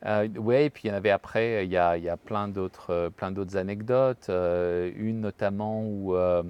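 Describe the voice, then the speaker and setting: Male interview guest, lowish voice, halting storyteller with frequent fillers. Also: steady tone, clear, resonant tone, no echo, highs cut off. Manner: hesitant, many filler sounds and restarts. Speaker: interview guest, human resources professional. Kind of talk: telling anecdotes in a conversational interview.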